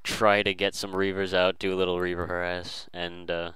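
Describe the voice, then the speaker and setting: Deep, bright-toned man commentating a game. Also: flat delivery, moderate pace, clear, resonant tone, dry recording, poor audio. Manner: hesitant, many fillers and restarts. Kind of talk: casual play-by-play game commentary.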